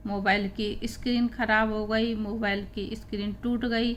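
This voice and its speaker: A woman's voice: mid-range voice, little pitch movement, a little hiss or hum. A woman teaching an English pronunciation lesson, explaining rules step by step and spelling out letters one by one. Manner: slow, deliberate, spelling out letters.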